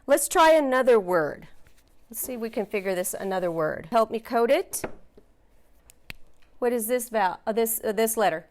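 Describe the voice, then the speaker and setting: A woman's voice: fairly high pitch, expressive, moderate pace, long pauses. A woman teaching a phonics lesson, patiently sounding out letters and words and encouraging her learners.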